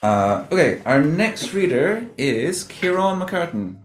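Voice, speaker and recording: Male open mic host, lively pitch, slow and jokey; echoey with loud noise. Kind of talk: casual event hosting.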